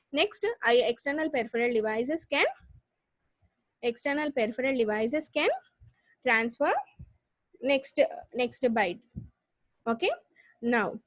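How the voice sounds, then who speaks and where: A woman with a South Indian accent teaching a live online class, explaining step by step with repeats and halting restarts. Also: a little high, no echo. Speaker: computer science lecturer. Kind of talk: live online lesson with check questions.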